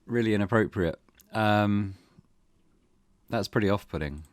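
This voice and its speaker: A gaming video host runs a let's play, offering casual, wry commentary and reading the game's narration aloud. His voice sits on the low side and his pace is measured. The recording is dry, with game music in the background.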